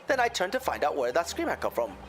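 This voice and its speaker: A man voices a folksy, smooth-talking, genial Irish moneylender who testifies as a witness in a courtroom game, reading the dialogue with dramatic storytelling and a theatrical Irish lilt. His voice is fairly high and fast, with huge pitch swings and slight background noise.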